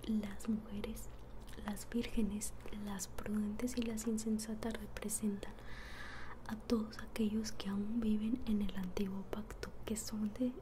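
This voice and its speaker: A woman giving a soft ASMR Bible teaching in a breathy, barely audible whisper, hushed and explanatory. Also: medium pitch, flat delivery, takes it slowly, background noise.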